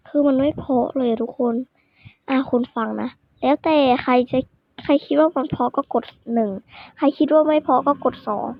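A woman's voice: high voice, moderate pace, no room sound. A woman vlogging casually to her viewers, rambling and self-critical, often restarting her sentences, recorded on a phone. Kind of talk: casual vlog talk to viewers. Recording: tinny phone-like, dry sound.

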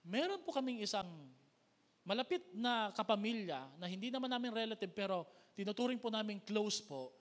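A Filipino man preaching a sermon as pastor, with big swings in pitch and loudness, recorded in a church hall. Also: expressive, a little fast. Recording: long hall reverb.

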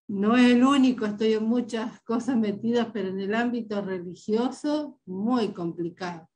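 A woman's voice: fairly high pitch, darkish tone, low-quality recording. An older woman with a bad cold giving an informal comment on a video call, hesitantly thinking aloud. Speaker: webinar participant. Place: indoor room at home on a video call.

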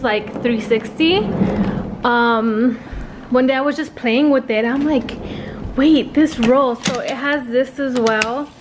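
A woman's voice: on the high side, background noise. A woman freelance makeup artist chatting casually in a vlog, full of "um" and "like". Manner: chatty, many fillers like "um" and "like".

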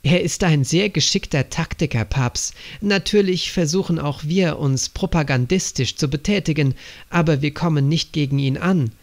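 Ein Mann spricht eine ernste junge Frau. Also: male voice, fairly high pitch, moderate pace, lightly acted. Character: young woman agent, earnest and sharp.

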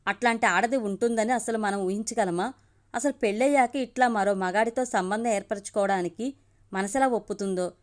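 An indignant young niece, read by a woman storyteller fires off sharp questions. The voice sits at the narrator's middle pitch, in a storybook reading. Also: normal speed, close to an everyday voice.

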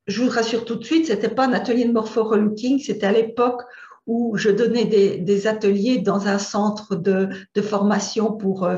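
French woman with hesitant speech. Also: mid-range voice. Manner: relaxed, hesitant, many fillers. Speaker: image consultant giving a masterclass. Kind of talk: casual talk to an audience. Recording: dull roomy recording.

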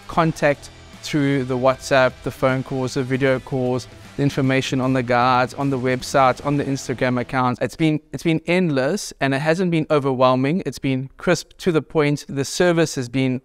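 A South African man in his thirties giving a reflective testimonial interview in a bright clinic lounge, with lots of "you know" fillers. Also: medium pitch, fairly even intonation, normal speed, soft background music. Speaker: clinic patient.

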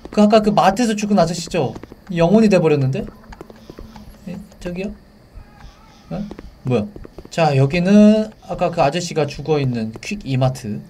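Excitable young man doing game commentary. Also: high-pitched, far from the mic, a little hiss or hum. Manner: excitable, yelps and shouts at scares, chatty asides to viewers. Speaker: game streamer. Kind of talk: horror game let's play commentary.

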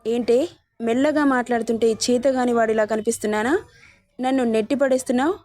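A scheming, lustful villain of a brother-in-law, read in a woman's own fairly high voice. He talks in a coaxing, leering way, close and dry with no room around him. This is a story narration, not a full character voice. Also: fairly even intonation, fairly quick, darkish tone, dry recording, natural voice.

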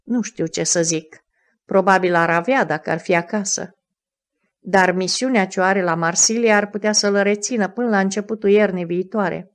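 A woman's voice: mid-range voice, lightly acted. Woman reading proper young noblewoman, curious, reproving, audiobook dialogue.

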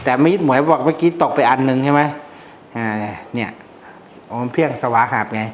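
A man's voice: medium pitch, normal speed, slight background noise. Blunt slangy man in roomy echo. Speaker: amulet teacher. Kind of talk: casual explanatory talk.

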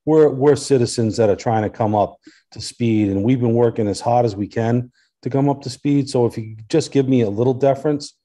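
A man's voice: mid-range voice, brisk, warm tone. A man speaking as a local resident at a public hearing, earnest and insistent, often repeating his points.

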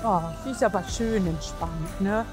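A woman horse physiotherapist assesses a rider and mare outdoors, chatting casually and encouragingly with colloquial praise and coaxing. Her mid-range voice moves at normal speed, with music in the background.

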